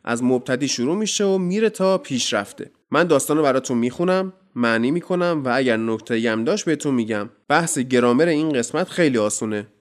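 A man teaching English in a casual podcast lesson. He explains in a friendly, chatty way and says each example sentence slowly and deliberately. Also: medium pitch, expressive.

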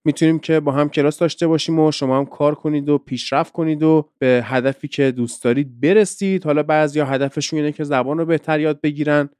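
A man's voice: fairly high pitch, a little mellow, clean tone, no echo, clean studio sound. A man hosting a podcast, teaching English pronunciation in a conversational, explanatory way with lots of examples.

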